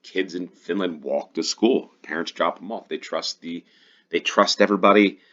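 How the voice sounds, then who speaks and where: A man's voice: low-pitched, steady tone, normal speed, bright, forceful tone, muffled recording. An American man giving casual gameplay commentary as he plays, thinking aloud and correcting himself as he goes. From United States. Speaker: GeoGuessr player and host.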